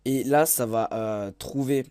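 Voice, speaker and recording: A man's voice: mid-range voice, slow pace, mellow, dry recording, studio quality. A man giving a casual video game tutorial voice-over, hesitant, with many fillers and self-corrections. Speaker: gaming tutorial YouTuber.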